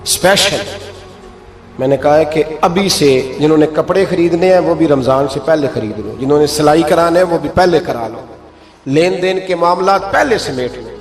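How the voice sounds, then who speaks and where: A male preacher delivers an emphatic sermon, his fairly high voice jumping higher still as he plays out the figures in his stories. He is recorded in a long, echoing hall with faint music underneath. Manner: emphatic, rises sharply when acting out quoted speech. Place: mosque.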